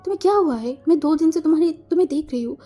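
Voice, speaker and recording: Storybook: woman reading an anxious young man, high and mellow. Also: expressive, very fast, soft background music. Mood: worried. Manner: anxious questioning. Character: worried young man caring for partner.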